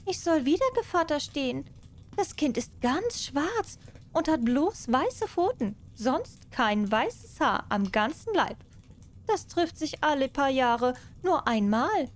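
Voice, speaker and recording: A woman's voice: sits high, sing-song, slow, voice pushed up, full character voice. A woman voicing a sly, greedy female cat in a fairy tale, with a curt, brazen manner. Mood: coaxing.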